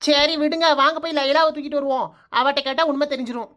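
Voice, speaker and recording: A woman's voice: high-pitched, steady tone, quick pace, a bit bright. A woman voicing a cheeky young village girl in a cartoon, bossy and teasing in Kanyakumari Tamil.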